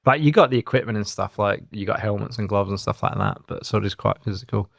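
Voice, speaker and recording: A man in his thirties with an Australian accent, co-hosting a podcast and telling his story in a relaxed, rambling way. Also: lowish voice, fast, vocal fry, dry recording, clean studio sound. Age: 30s. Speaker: co-host. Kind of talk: casual podcast chat.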